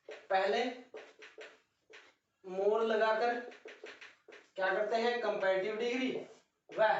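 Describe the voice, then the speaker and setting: A man's voice: high-pitched, a little hiss or hum. A male teacher giving a classroom grammar lesson, spelling words out letter by letter and addressing his pupils as children. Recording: very echoey, distant, dull lo-fi sound.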